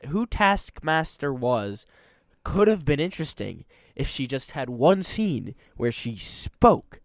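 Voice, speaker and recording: A man co-hosting a casual movie review podcast, talking in a rambling, animated way with lots of fillers, close to the mic. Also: medium pitch, slow pace, no room sound. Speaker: podcast co-host.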